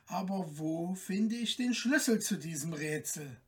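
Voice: medium pitch, animated, a little slow, far from the mic, lightly acted. A reader voicing a caliph turned into a stork, earnest and thoughtful in a fairy tale.

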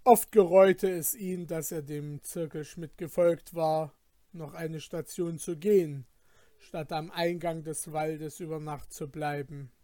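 A man narrating a fairy tale in a measured storytelling manner. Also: a little high, steady tone, warm tone, dry recording, clean studio sound.

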